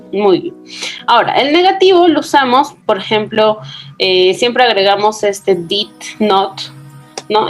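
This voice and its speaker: A woman teaching an English grammar lesson to secondary students, explaining patiently and checking in with frequent questions. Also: mid-range voice. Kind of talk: recorded class explanation.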